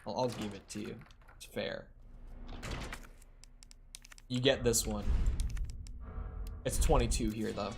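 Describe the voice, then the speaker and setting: Over background music, a young man chats loosely while playing a horror game at home, rambling, running himself down, and restarting a lot. He has a fairly low, fairly even voice with vocal fry, talks slowly, and leaves long gaps, all picked up by a streaming desk mic.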